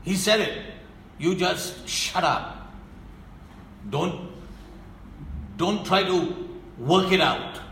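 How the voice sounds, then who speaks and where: A man preaching a sermon in an emphatic, stern way, often sinking to a low voice to press a point. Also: lively intonation, very slow, pauses often, fairly bright tone, roomy sound, a little hiss or hum, rough recording.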